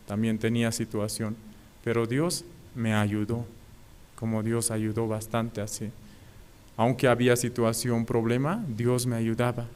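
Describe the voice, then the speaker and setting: A man preaching as an evangelist at an online prayer service, speaking haltingly, repeating phrases and often asking his listeners to agree. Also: mid-range voice, a little mellow, clean tone.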